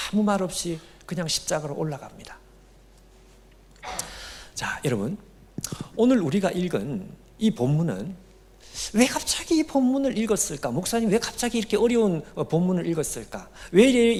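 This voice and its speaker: A middle-aged pastor preaches to a youth gathering, speaking straight to his listeners. His voice sits fairly high for a man, and his pitch leaps up and down expressively. He keeps the delivery animated and engaging. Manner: animated, addresses congregation directly. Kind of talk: sermon at a youth retreat.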